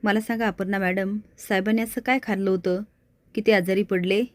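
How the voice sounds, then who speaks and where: A woman's voice: medium pitch, fairly even intonation, close to an everyday voice. A woman voicing a defiant young man. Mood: accusing. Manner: firm, accusing, quick. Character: young man standing up to a scheming rich woman.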